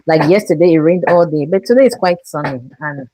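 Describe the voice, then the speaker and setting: A woman from Cameroon hosts a live cooking stream from her kitchen, greeting viewers and guiding them through each step. Her low, dark-toned voice is animated and fairly quick, recorded with no echo.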